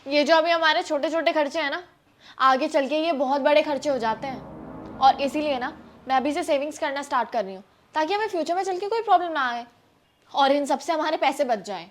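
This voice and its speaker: A woman's voice: high voice, brisk, close to an everyday voice. A young woman acting as a thrifty wife who firmly lectures her husband about saving money in a scripted family skit. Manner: firm, persuasive, lecturing.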